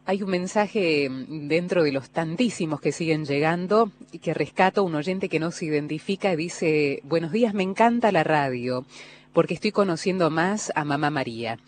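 A woman's voice: low voice, normal speed. A woman hosting a radio talk show, courteous and formal as she reads listener messages and thanks her guest.

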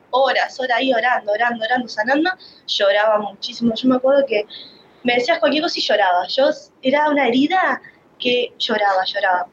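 Rioplatense woman, kinda high voice, emotional rambly faith testimony, muffled lo-fi audio. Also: a bit bright, a little hiss or hum. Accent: Rioplatense Spanish. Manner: emotional, rambling storytelling with many restarts. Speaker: speaker giving a testimony.

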